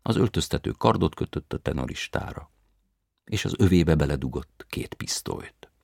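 A man reading a literary short story aloud in a measured, wry storytelling voice. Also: a bass voice, animated, creaky, slightly rough, dry recording, studio quality. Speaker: narrator.

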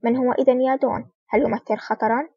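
A woman voicing a cunning female crime boss who speaks softly with a menacing edge. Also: on the high side, steady tone, fast talker, vocal fry, slightly rough, no echo. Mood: silky. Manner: soft-spoken with a menacing edge. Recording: dull lo-fi recording.

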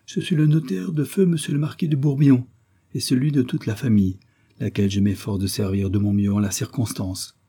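A man's voice: mid-range voice, fairly even intonation, a little fast, dark tone, breathy edge. A man voicing a haughty elderly notary with a thin, fluting voice who is hard of hearing. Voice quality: reedy, fluting. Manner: pompous, stiff.

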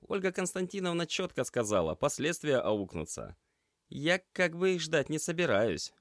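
A man voicing a cheerful, energetic young male paramedic trainee who talks briskly and teases his friend. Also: a little high, dry recording, studio quality, pitched above the performer's own voice. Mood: upbeat. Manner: brisk, upbeat and teasing.

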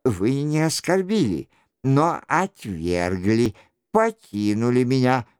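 Man reading sulky young duke, petulant, evasive, a bit higher, slow, crisp voice. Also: very animated, darkish tone, no echo, studio quality.

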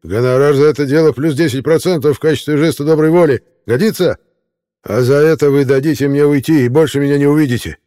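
A man's voice: lowish voice, normal speed, warm tone, lightly acted. A man voicing a sneering hitman in an audiobook. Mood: panicked. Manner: gloating, then panicked pleading. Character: menacing bearded male hitman, gloating. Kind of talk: audiobook character reading.

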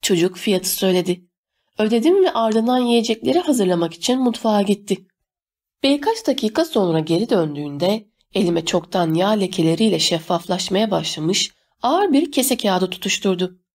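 Brief: woman audiobook narrator, mid pitch, lively animated reading. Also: normal speed. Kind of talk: scripted narration.

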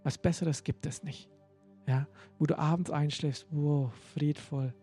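A man's voice: normal speed, slightly rough, soft background music. A man preaching a sermon to a congregation in a conversational way, often checking in with "ja?" and rising to emphatic peaks. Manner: conversational, peppered with "ja?"; rising to emphatic, excited pitch.

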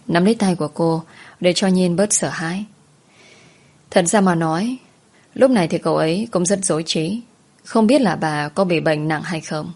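Woman reading a story out loud, lowish voice, soft and steady. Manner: soft, even storytelling, voicing every character herself. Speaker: narrator. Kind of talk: storytelling narration with acted dialogue.

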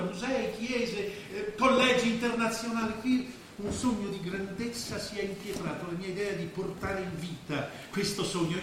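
A man with a high-pitched, bright, forceful voice acts in a theatrical stage drama as a grandiose, scheming businessman, a former artist who is persuasive and cynical. His delivery is declamatory and rhetorical, full of weighted pauses. The indoor theatre stage is very echoey, with faint noise.

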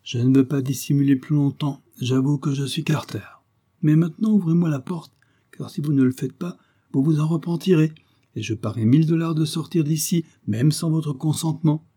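A man's voice: a little high, moderate pace, slightly rough, pitched above the performer's own voice. A man reading a storybook voicing a bold detective who is locked in and defiant. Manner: forceful, defiant.

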